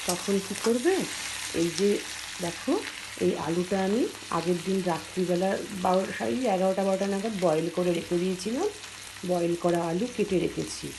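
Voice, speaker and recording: A woman quietly walking viewers through a recipe in her home kitchen at dawn, keeping her voice low so the family can sleep. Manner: speaking softly and slowly so as not to wake the household. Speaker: cooking vlogger. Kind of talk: casual cooking vlog. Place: home kitchen, early morning. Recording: clear cooking noise under voice. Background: frying and sizzling from the pan.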